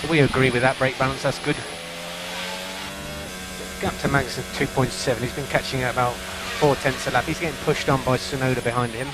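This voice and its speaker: A man's voice: medium pitch, fairly even intonation, a little fast, music in the background. A man working as a race engineer, giving concise, repeated instructions over race car team radio. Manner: concise, repeats key calls.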